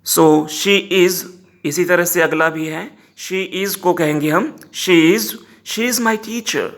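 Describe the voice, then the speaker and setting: Indian English teacher, male, somewhat high voice, unhurried, models each English word with care. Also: fairly bright tone. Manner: explains in Hindi, slowly models English words. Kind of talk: Hindi-English pronunciation lesson.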